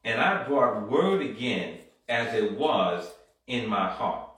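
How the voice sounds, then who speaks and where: Taking it slowly, a man with a lowish, fairly bright, expressive voice reads scripture and works his sermon up to fervent exhortation. Frequent amens and call-and-response ring through the church hall, heard from far away amid strong echo.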